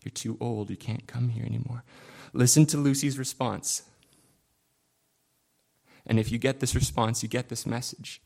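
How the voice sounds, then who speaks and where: A man preaching a sermon in an earnest, confessional way, building from quiet reflection to impassioned emphasis. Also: mid-range voice, steady tone, normal speed, gravelly, long pauses.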